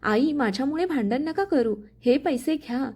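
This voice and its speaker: A woman voicing a gentle, patient young bride in a spoken family story, soft and meek. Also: sits high, expressive, normal speed.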